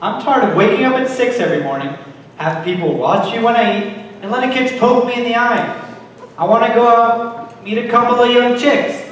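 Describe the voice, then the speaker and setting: A teenage actor playing a swaggering rock-and-roll idol in a school musical, singing and talking brashly. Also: male voice, very high voice, brisk, a bit bright, a little hiss or hum. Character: cocky rock-and-roll idol about to join the army. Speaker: stage actor. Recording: echoey auditorium from far off, with live band.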